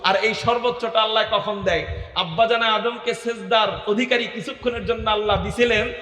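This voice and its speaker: Impassioned high-pitched preacher, echoing loudly. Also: male voice, steady tone, a little fast. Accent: Bangladeshi Bengali. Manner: impassioned, shouting, asks the crowd rhetorical questions; sometimes chants Arabic verses in a sung tone. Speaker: Islamic preacher. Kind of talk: waz sermon to a crowd. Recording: echoey PA sound with long reverb.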